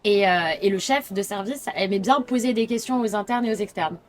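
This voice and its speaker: A young woman chatting casually, telling an anecdote in a slangy, lively way with filler words. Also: mid-range voice, fairly quick, faint music behind. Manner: chatty, slangy, with "genre" and "en mode".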